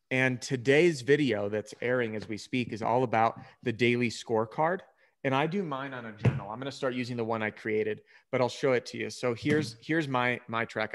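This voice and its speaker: A man hosting an interview over a video call who talks in an enthusiastic, chatty way, full of quick asides. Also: medium pitch. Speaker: host. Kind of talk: interview host.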